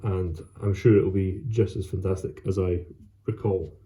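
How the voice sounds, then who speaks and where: A man chatting casually as a solo vlog host, with an unhurried, rambling and halting delivery. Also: sits low, steady tone, dark tone. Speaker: host of a pipe tobacco vlog. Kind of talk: casual solo chat to camera.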